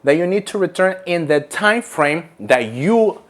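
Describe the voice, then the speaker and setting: A man's voice: fairly high pitch, lively intonation, unhurried. A man giving instructional talk to viewers as a call center coach, explaining things step by step with emphasis and repetition.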